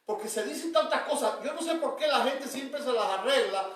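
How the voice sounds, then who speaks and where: Male evangelist, emphatic sermon delivery, high pitch, heavy room echo from a distance. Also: animated. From Cuba. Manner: emphatic preaching that slows down for key words and drops soft. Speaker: evangelist preacher. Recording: very echoey, from far off the mic.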